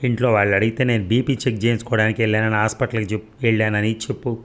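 Man playing a caring old grandmother, anxious, questioning, deep-voiced storybook telling. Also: little pitch movement, racing, natural voice. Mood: resolved.

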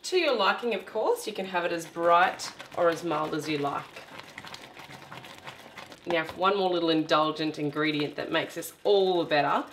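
A woman's voice: on the low side, expressive, moderate pace, a bit bright, roomy sound, a little hiss or hum. A woman, hosting a cooking demonstration in her home kitchen and explaining each step in a chatty, instructive way. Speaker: cooking show host.

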